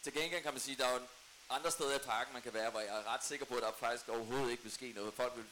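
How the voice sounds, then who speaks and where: A man explaining football fan culture as a talk show guest, his voice bright and his pitch in a middle range. He pauses and restarts as he thinks. A faint hiss runs under the recording. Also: low-quality recording. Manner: explanatory, hesitant with fillers. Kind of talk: casual talk show chat.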